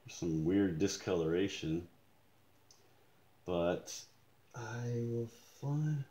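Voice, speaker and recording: Man, slow deliberate talk, roomy echo, casual show-and-tell. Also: low voice, animated, dark tone, dull audio. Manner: slow, deliberate, pointing things out, occasional frustrated mutters. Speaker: customer showing watch damage. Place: indoors at a desk in a room.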